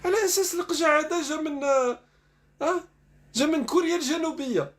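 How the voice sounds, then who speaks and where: A man's voice: very high-pitched, brisk. A man giving sarcastic online commentary, reading news dispatches aloud and then mocking them.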